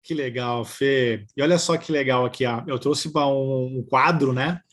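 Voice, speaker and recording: A man's voice: mid-range voice, normal speed. A man hosting a webinar over a video call, wrapping up in a casual, upbeat way. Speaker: webinar host. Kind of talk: casual chat.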